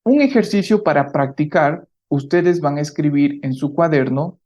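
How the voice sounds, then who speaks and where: A man teaching a language lesson, modeling words slowly for learners and often checking in with a rising question. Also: a little high, expressive, darkish tone, muffled recording. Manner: slows down to model pronunciation. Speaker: Spanish teacher. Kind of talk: slow, clear language lesson.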